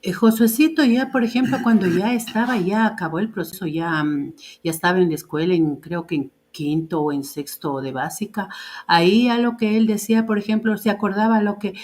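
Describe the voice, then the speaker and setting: A woman, a parent taking part as a guest, telling a family story in conversation. She acts out the lines of quoted speech and pauses on hesitant fillers. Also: medium pitch, a little mellow, a little hiss or hum.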